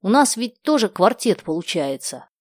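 An excitable, impulsive schoolgirl, put on by a woman narrator in an audiobook. She bursts out high and loud, and the recording is dry. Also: moderate pace, dry recording. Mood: excited. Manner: excited, exclamatory.

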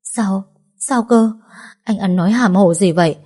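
A woman's voice: medium pitch, unhurried, a little mellow, natural voice. A woman doing a wailing, grief-stricken village mother. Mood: disbelieving. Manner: sobbing, pleading. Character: grieving village mother, wailing for her husband.

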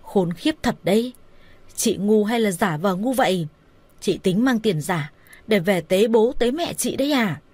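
A woman's voice: mid-range voice, expressive, unhurried, a little mellow, breathy edge, no echo. Woman reading a vicious young conman. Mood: furious. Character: young man, greedy conman, violent and vicious.

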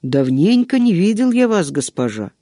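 A man voicing a long-winded old female servant who tells everything slowly and in order. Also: sits high, very animated, warm tone, no echo, clean studio sound. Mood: garrulous. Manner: rambling, drawn-out storytelling.

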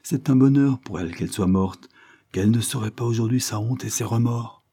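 A man narrating a classic novel as an audiobook in a measured, dramatic storytelling manner. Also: mid-range voice, warm tone, breathy edge. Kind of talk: scripted narration.

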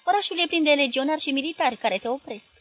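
A woman's voice: sits high, expressive, fairly bright tone, voice pushed up. A woman reading the part of a nervous male doctor who hesitates and complains. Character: nervous man, a doctor, making excuses.

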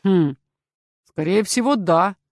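A woman voicing Oliver, a loyal young male bodyguard who speaks calmly and with a dry wit. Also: lowish voice, takes it slowly, dry recording. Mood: wry.

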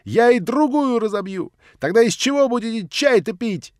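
A man's voice: very high voice, lively intonation, moderate pace, no room sound, clean studio sound, voice pushed up. A man voicing a proud, tormented orphan girl who bursts out tearfully and shrilly. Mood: hysterical.

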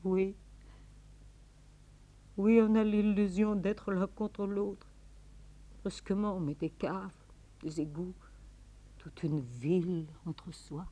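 A despairing woman clinging to a phone call with her lover, in the style of a 1950s radio play. She speaks slowly and tremulously, drifting from hushed murmurs to frantic pleading. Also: mid-range voice, steady tone. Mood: tender. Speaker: actress. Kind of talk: 1950s radio drama acting.

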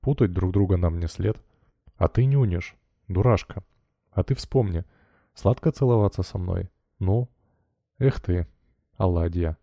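A man's voice: low voice, a little slow, long pauses, dark tone, no echo, studio quality. A man voicing a brash, teasing young male mill worker in an audiobook, with cocky folk speech. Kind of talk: audiobook character reading.

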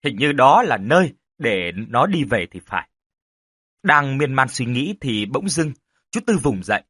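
A man narrating a ghost story in a dramatic, expressive way. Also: mid-range voice, a little slow, dry recording, studio quality.

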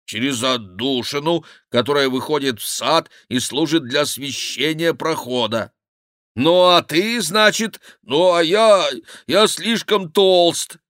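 A man voicing a fat, cowardly male monk who wails and pleads loudly, in a high, drawn-out voice in an audiobook. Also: dry recording, clean studio sound. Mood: pleading. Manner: wailing, pleading, loud lamenting.

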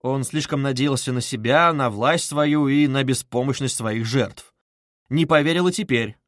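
A man narrating a classic novel as an audiobook in a measured storytelling manner. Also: medium pitch, dry recording, studio quality.

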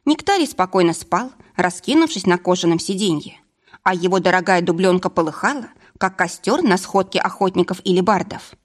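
A woman narrating an audiobook of comic fiction, telling the story in a lively, expressive way. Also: fairly low pitch, a little fast. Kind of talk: scripted narration.

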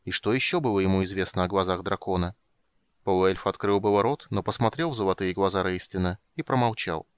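A man reading a fantasy audiobook in measured, scripted narration. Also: low voice, smooth, no echo.

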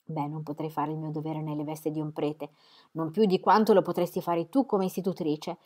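A woman voicing an idle, proud young man in an audiobook, in a relaxed, slightly sulky tone close to her own voice. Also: low voice, fairly quick. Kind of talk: audiobook reading.

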